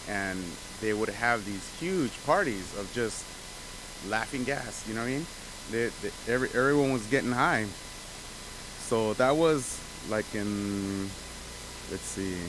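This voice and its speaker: A man chats casually as a channel host, wandering through his points with fillers, restarts and asides. His voice sits at an ordinary middle pitch. A steady hiss runs under the recording. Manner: loose, rambling, lots of fillers and restarts. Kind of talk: casual chat. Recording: hissy background noise.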